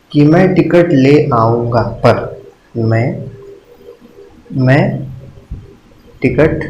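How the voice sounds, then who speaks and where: A man gives a patient exam-prep grammar lesson in a medium-pitched voice, stopping often to check that the class follows and counting slowly out loud. The room is echoey, and a faint hiss sits under the voice. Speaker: teacher.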